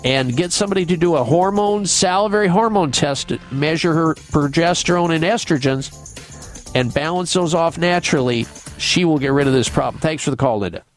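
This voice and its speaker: A man hosting a radio health show, advising and explaining with pauses and repeated words. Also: on the high side, soft background music, low-quality recording.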